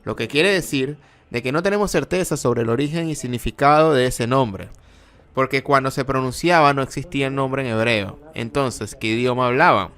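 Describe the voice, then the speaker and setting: Guy lecturing, spells out old words one by one, fixes himself as he goes, mid-pitched voice. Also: moderate pace, fairly bright tone, smooth. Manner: didactic, spelling out terms and correcting himself mid-phrase. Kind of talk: explanatory lecture talk.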